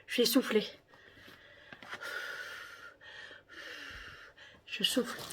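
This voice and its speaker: A chatty woman vlogger talks through her shopping haul at an unhurried pace, stopping often to hesitate and repeat herself. Her voice sits a little high for a woman. A faint hiss runs under the recording. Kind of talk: casual shopping haul chat.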